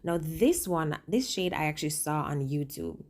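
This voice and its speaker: A woman with a low-pitched voice talks casually through a makeup tutorial, speaking with a swollen lip. She is chatty and informal, drifts into little asides and leans hard on her favourite words for emphasis. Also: expressive, normal speed, darkish tone. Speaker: makeup vlogger and working makeup artist.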